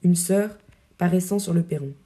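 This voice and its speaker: A woman narrating an audiobook, reading a play's stage directions in a measured, even way. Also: fairly low pitch.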